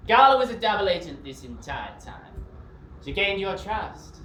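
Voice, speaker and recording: A man's voice: high voice, big pitch swings, normal speed, sharp tone, far from the mic, full character voice. A man playing a bickering supervillain. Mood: indignant, mocking. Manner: theatrical menace broken by coughing and squabbling. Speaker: actor in a sketch. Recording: echoey room with noise.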